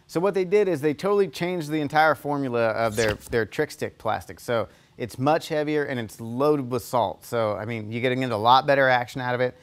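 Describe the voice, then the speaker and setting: A man's voice: medium pitch, clear, resonant tone. A young man hosting a casual rundown of new fishing tackle, upbeat and filled with "you know", filmed on an indoor studio set. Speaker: fishing tackle store host.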